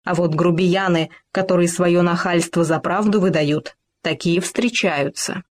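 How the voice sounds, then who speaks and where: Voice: mid-range voice, steady tone, measured pace, lightly acted. The storyteller voicing a rude, haughty male woodpecker doctor with curt, snide replies. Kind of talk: storybook reading.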